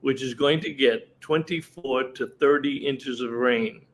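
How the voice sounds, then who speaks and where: A male co-host chatting casually, with a mid-pitched voice. He banters with his partner and cracks jokes as he goes. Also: unhurried. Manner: chatty, wisecracking. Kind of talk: casual chat. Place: on the road while traveling.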